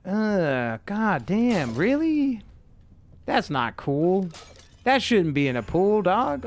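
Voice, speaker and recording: A young man from the United States casually talking with viewers while playing a game, laid-back and cursing often. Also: on the high side. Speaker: streamer. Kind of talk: casual gameplay commentary.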